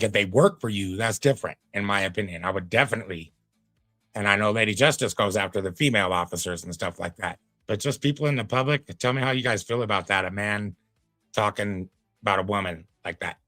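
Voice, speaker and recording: Laid-back low-voiced male streamer. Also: fairly quick, bright, forceful tone, no room sound, faint music behind. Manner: laid-back, chatty, preachy asides. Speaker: reaction streamer. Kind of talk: casual commentary on a clip.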